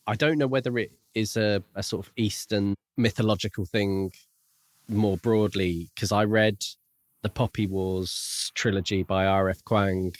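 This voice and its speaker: Co-hosting a podcast, a man muses aloud about a book in a casual, analytical and conversational chat. His voice is on the low side, steady and unhurried, with no room sound.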